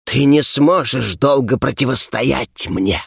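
Audiobook villain: man reading an imperious female darkness, slow and hissing, dry close recording. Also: mid-range voice, creaky, breathy edge, no echo, full character voice. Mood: menacing.

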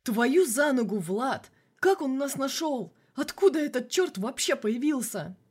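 A woman's voice: sits high, very animated, normal speed, pitched above the performer's own voice. Woman voicing an exasperated cursing male partner. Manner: swearing, exasperated.

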